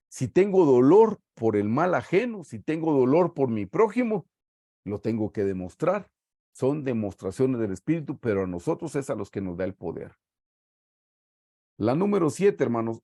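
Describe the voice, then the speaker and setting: A man with a Guatemalan Spanish accent leading a sermon-style Bible study over a video call, reading verses slowly and often calling his listeners brothers. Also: mid-range voice, mellow, dry recording, studio quality.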